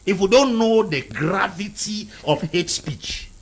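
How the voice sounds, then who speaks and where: This man from Cameroon, a guest on a heated debate panel, drives his points home with emphatic, repetitive lecturing. He speaks in a high-pitched, expressive voice at a slightly slow pace.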